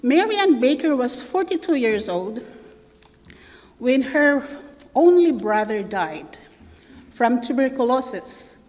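A woman's voice: sits high, slow, long pauses. Woman preaching in a reverberant church. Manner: animated storyteller, acts out family voices. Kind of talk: sermon with personal storytelling. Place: church sanctuary.

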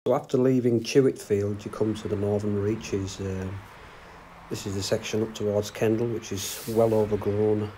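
Middle-aged man, casual bike trip narration, relaxed with fillers, action-cam mic outdoors, faint background noise. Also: fairly low pitch, normal speed. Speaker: bikepacking vlogger. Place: outdoors on canal towpath.

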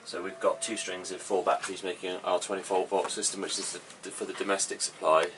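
Guy in his 30s doing a boat tour, low and even, kinda far off mic with faint hiss. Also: fairly quick. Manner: practical, plain-spoken, trails off with ums. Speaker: boat owner giving a tour. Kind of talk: casual explanation. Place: cramped boat cabin, indoors. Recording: slightly distant mic with faint background noise.

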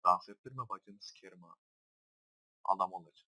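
A young man casually commenting on his own gameplay, swearing constantly and jumping between low mutters and loud shouts. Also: moderate pace, low-quality recording.

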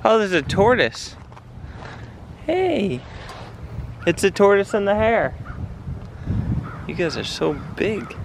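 Strolling an island farm and beach with a handheld action camera, this young man making a casual sailing travel vlog talks playfully to the animals he passes. He speaks slowly and gravelly in a high voice with big pitch swings, leaving long pauses. Background noise is audible.

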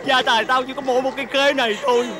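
An actor playing a lazy, greedy farmer husband who whines and complains. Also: male voice, very high-pitched, fairly even intonation, rapid-fire. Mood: pleading. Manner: whiny, grumbling and complaining. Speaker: greedy farmer husband in a folk-tale film. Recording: noisy old film soundtrack.

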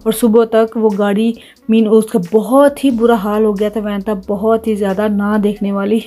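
A woman's voice: mid-range voice, little pitch movement, moderate pace, mellow. A woman in her thirties chatting casually as a home vlogger, laughing often as she talks. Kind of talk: casual vlog narration.

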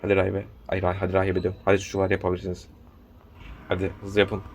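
A man's voice: low-pitched, completely flat delivery, very fast, noisy background. A young man casually commenting on a horror game as he plays, urging the characters on and scolding the enemy. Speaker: gameplay commentator. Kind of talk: casual let's-play commentary.

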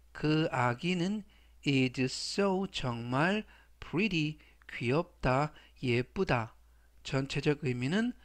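A man teaching English vocabulary to Korean learners, who is a native Korean speaker. He explains each word politely and formally, then repeats it three times. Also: on the high side. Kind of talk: slow, deliberate vocabulary lesson.

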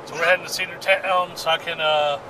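A man's voice: on the high side, fairly even intonation, a little fast, noisy background. A man chatting casually and teasing his family while filming a home video on a handheld camcorder. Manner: joking, teasing, folksy. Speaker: vlog host. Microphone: handheld pocket camcorder.

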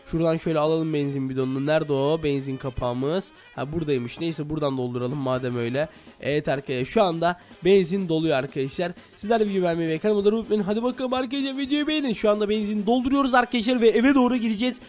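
A man's voice: fairly high pitch, rapid-fire, darkish tone, faint music behind. A male YouTuber in a Minecraft role-play who chats and keeps addressing his viewers.

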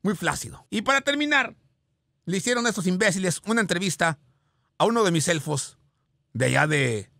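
A man's voice: sits high, expressive, fairly quick, gravelly, pauses often, sharp tone, no room sound, studio quality, heavily acted. A man voicing a boastful self-proclaimed Spartan god, teasing and theatrical as he mocks a video. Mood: mocking. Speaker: radio show host character. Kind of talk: mocking video reaction commentary. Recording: noisy background hiss.

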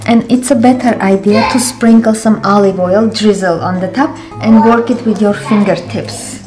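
A middle-aged woman gently giving cooking advice to her son in a home kitchen, in a motherly, instructive way. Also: mid-range voice, fairly even intonation, normal speed. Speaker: cook, mother of host. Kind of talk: casual kitchen chat. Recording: roomy kitchen with background music.

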